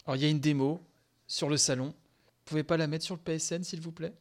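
A man hosting a podcast, reacting live to a game conference, excitable and gushing, with many fillers and sighs, tired from sleepless nights. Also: fairly high pitch, fast talker. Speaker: podcast host.

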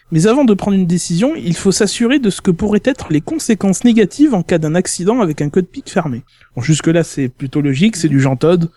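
A man with a high speaking voice talks through his point in a casual podcast chat, often stalling on repeated words. The recording is close and dry. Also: warm tone, no room sound. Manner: explanatory, repeats words while thinking. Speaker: podcast co-host.

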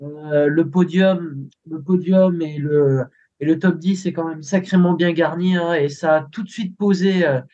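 A male pundit giving halting cycling analysis over a remote connection. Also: on the high side, fairly even intonation, warm tone. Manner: halting, searching for words. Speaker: co-host pundit. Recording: dull remote line.

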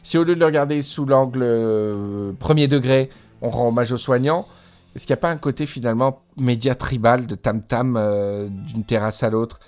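A man's voice: medium pitch, normal speed, darkish tone, faint music behind. A man co-hosting a podcast in casual chat, talking enthusiastically with frequent hesitations, recorded over a Skype call. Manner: enthusiastic, hesitant with many fillers. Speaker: podcast co-host.

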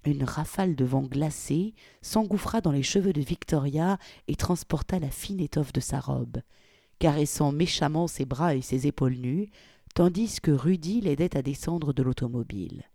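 A woman narrating a novel aloud in a measured storytelling manner. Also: low voice, creaky, dark tone, no room sound, clean studio sound. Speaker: audiobook reader. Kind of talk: scripted narration.

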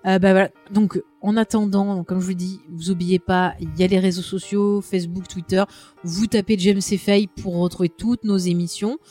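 A woman's voice: medium pitch, steady tone, normal speed, dark tone, faint music behind. A woman co-hosting a casual podcast with a regional French accent, chatty and teasing, with many fillers. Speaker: podcast co-host. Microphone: headset.

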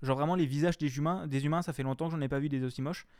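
A young man chats casually about a video game on a stream. His speech rambles, full of slang, swearing and fillers. His voice sits a little high, and the sound is dry and close. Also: steady tone, very fast, a little mellow, clean tone, no room sound. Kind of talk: casual chat.

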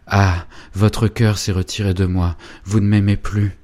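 Un jeune noble fougueux, lu par un homme, à la voix très grave qui s'élève et s'emporte pour convaincre celle qu'il aime dans un livre audio. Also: male voice, on the low side, little pitch movement, measured pace, lightly acted. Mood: suppliant. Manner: urgent, impassioned and loud. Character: ardent young nobleman pleading with his beloved.

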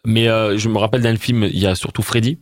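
A man chatting casually on a radio show, quick and teasing. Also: lowish voice, fairly even intonation, slight background noise. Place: radio studio.

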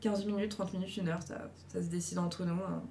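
A woman's voice: on the low side, fairly even intonation, brisk, mellow, a little hiss or hum. Chatty encouraging woman giving advice. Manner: encouraging, chatty, many fillers. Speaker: host giving writing advice. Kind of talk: casual advice talk to viewers.

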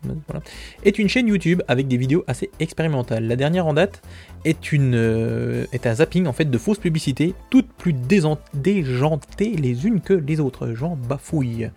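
Gravelly, husky man hosting a podcast. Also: medium pitch, lively intonation, moderate pace, a little mellow, faint music behind. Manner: chatty, self-mocking asides, frequent fillers. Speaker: podcast host. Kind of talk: casual news roundup.

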